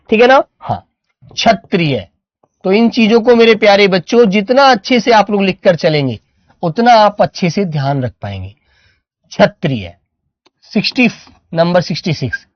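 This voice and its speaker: A male Hindi teacher giving an online class, slowly dictating words and calling his students "beta" and "my dear children.". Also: high-pitched, no room sound, highs cut off.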